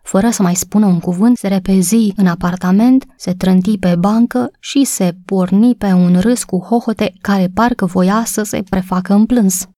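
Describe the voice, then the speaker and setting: A woman narrating a novel as an audiobook, in a steady storytelling manner. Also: mid-range voice, hardly any pauses, no echo, clean studio sound.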